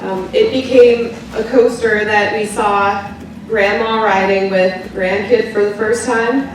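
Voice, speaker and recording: A woman's voice: mid-range voice, steady tone, unhurried, slight background noise. A woman presenting to an audience in an upbeat, conversational way. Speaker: amusement park representative. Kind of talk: presentation to enthusiasts. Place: large indoor presentation hall. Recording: echoey hall, from far off.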